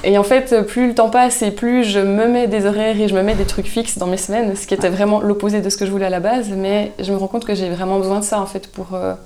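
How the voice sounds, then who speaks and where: A woman, a guest chatting casually in an interview, relaxed and thoughtful with frequent hesitations. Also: mid-range voice, fast talker, hardly any pauses. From Switzerland. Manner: relaxed, thoughtful, many hesitations, laughs easily. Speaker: guest, soap maker.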